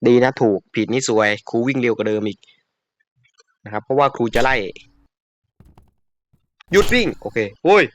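A man giving casual, excitable commentary while he plays a video game, with frequent yelps. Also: medium pitch, normal speed, long pauses, dry recording. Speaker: gamer.

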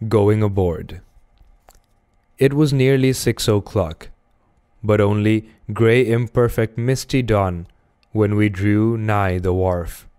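A man reading a classic novel aloud as audiobook narration in a measured, even manner. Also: fairly low pitch, clear, resonant tone. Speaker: reader.

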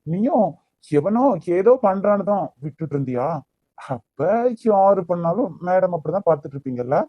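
A man's voice: high-pitched, expressive, no room sound, dull audio. A man voicing a hot-tempered young man in a cartoon love story, pleading with the woman he loves, with a Kanyakumari Tamil accent. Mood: angry. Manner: pleading, quick to anger. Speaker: voice actor.

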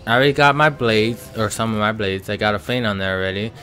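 A man's voice: lowish voice, fast talker, fairly bright tone, soft background music. A man giving casual let's-play commentary as a gaming channel host, thinking aloud with many ums and sighs.

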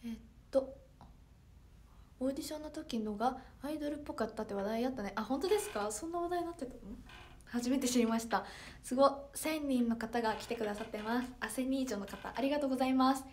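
A sixteen-year-old girl from Toyama, Japan chats politely on a casual livestream in the Toyama dialect, reading out viewer comments with many fillers. Her voice sits high and quick, with a little hiss or hum in the recording.

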